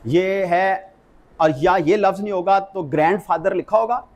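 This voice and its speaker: A man's voice: high-pitched, unhurried, darkish tone. A middle-aged man with a Pakistani Urdu accent, giving a classroom law lecture and explaining step by step while mixing in English legal terms.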